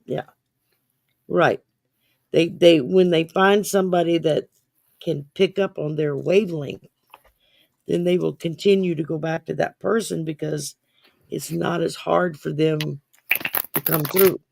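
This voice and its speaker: A woman's voice: sits low, steady tone, a little slow, creaky, pauses often, darkish tone, no echo. A woman co-hosting a casual chat, talking readily and often repeating words as she explains. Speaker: co-host.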